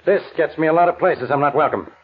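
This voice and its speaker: An actor playing a gruff, exasperated, suspicious police inspector in 1940s American radio style, impatient and insistent. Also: male voice, fairly high pitch, fast talker. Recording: muffled narrow-band vintage radio recording.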